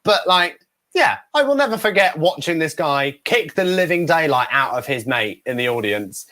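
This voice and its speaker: A man talks as an interview guest, bringing his stories to life with energy and frequent laughter. His voice is bright and forward and sits a little high for a man. His pitch leaps around as he tells the story. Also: moderate pace. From United Kingdom. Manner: animated, acts out the people in his stories; laughs often while telling. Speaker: guest ventriloquist.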